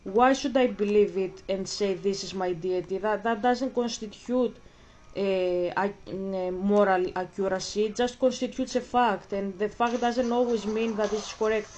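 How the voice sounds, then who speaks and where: A Greek woman vlogger chats casually on her own channel, thinking aloud with frequent restarts and fillers. Her mid-range voice has fairly even intonation, a measured pace and a darkish tone, with slight background noise.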